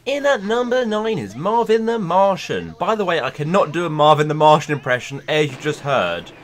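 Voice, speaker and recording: A man hosting a video, reading a scripted countdown narration in a playful, lively way. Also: on the high side, moderate pace. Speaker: YouTube host.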